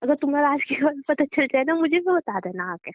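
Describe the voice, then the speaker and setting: This young adult woman plays a girlfriend on the phone, bantering casually with a sassy, curt, mocking edge. She talks fairly quickly in a high voice full of big pitch swings, and the dry recording sounds thin and tinny like a phone line.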